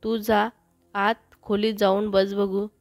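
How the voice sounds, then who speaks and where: A woman voicing a caring, firm but kind aunt in a storybook, coaxing and steady. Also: medium pitch, slow, no room sound, faint music behind.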